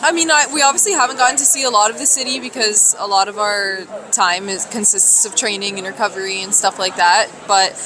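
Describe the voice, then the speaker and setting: A woman's voice: mid-range voice, a little fast, hardly any pauses, noisy background. Earnest young female soccer player. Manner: earnest, runs sentences together. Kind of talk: media day interview answers. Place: outdoors at a media day. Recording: crowd chatter behind.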